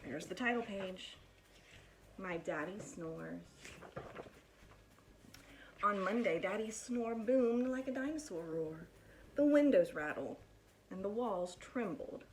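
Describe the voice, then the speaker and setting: In a low-quality recording with slight background noise, a woman reads a picture book aloud to kids. She tells the story expressively and deliberately in a mid-range voice, the way a teacher would for pupils.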